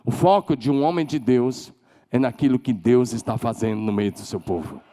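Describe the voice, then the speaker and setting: A pastor with a Brazilian Portuguese accent preaches a sermon emphatically, leading the congregation in call-and-response and building to shouted declarations. His voice is medium-pitched and his pace normal.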